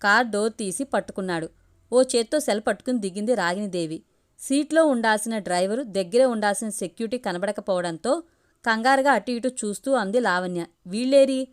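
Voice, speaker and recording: A woman storyteller reading out a scripted family story in a steady, even voice. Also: mid-range voice, fairly quick.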